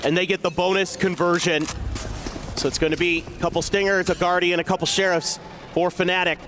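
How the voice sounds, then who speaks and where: A man's voice: sits high, little pitch movement, a little fast, a bit bright, a little hiss or hum. A man working as an esports caster, giving analytical match commentary in a conversational, explanatory way.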